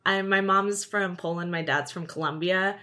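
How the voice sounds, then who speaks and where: A woman's voice: lowish voice, steady tone, moderate pace, bright, forceful tone. A woman from New Jersey hosting a podcast and chatting casually with a guest, upbeat and full of fillers. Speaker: podcast host. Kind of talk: casual interview chat.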